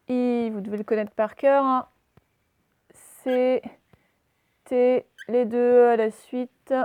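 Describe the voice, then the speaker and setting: This remote class lesson comes from a woman primary school teacher whose voice is on the high side, recorded with no room sound. She dictates and writes for young children, patiently spelling out letters and explaining each step.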